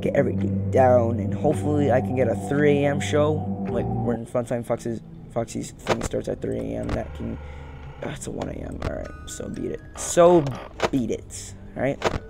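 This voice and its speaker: Sitting in an indoor room next to a plain wall, this young man mutters casual commentary over his gameplay and keeps repeating phrases. His voice is mid-range and creaky at a moderate pace, and game music plays behind him.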